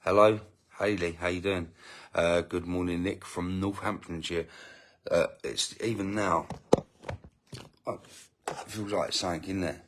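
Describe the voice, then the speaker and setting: A family channel host with a low, steady voice runs a casual live stream while feeding his baby, greeting viewers and reading their comments. He's unhurried with long pauses, rambling and interrupting himself with indignant asides, over some background noise.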